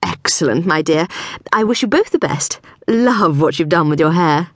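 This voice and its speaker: A woman voicing a gushing, flamboyant female PR agent in an audiobook, with an effusive, theatrical, drawn-out delivery. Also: on the low side, lively intonation, dry recording, clean studio sound. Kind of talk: audiobook character voice.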